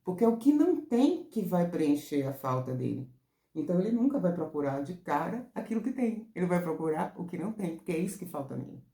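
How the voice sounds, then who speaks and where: A Brazilian woman therapist talks her viewers through a lesson in a loose, expressive way. Her voice is mellow and gravelly. The room around her rings with a noticeable echo. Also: brisk. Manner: expressive, rises high and loud when excited. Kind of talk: casual teaching talk. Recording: roomy echo.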